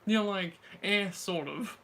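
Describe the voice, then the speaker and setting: A man's voice: sits high, slow pace, fairly bright tone, slight background noise. A man chatting casually with a friend about everyday things, in slangy, informal speech. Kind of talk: casual chat.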